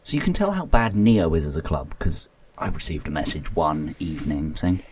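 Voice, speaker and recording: Deep-voiced young man, dry wit. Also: very animated, moderate pace, slight background noise. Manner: dry, wry remarks. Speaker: podcast co-host. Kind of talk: casual chat.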